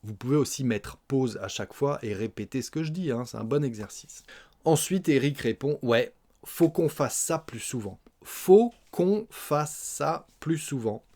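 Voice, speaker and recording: A man past his twenties teaching spoken French, explaining carefully and repeating example phrases slowly, often adding "hein". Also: medium pitch, a little mellow. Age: older than twenties.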